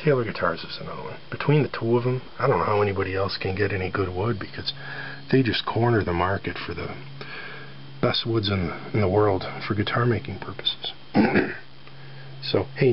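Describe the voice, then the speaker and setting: A man with a voice scratchy from allergies casually shows off his guitar, using lots of fillers and clearing his throat. His voice is fairly low and brisk. Filmed close-up on a handheld camera near a sunny front porch, the clip has dull home-video sound and faint background noise.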